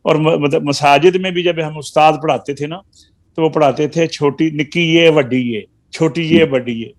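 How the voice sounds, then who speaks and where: A man teaching a live Quran recitation class, explaining step by step with patient, drawn-out syllables and gentle teasing. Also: a little high, steady tone.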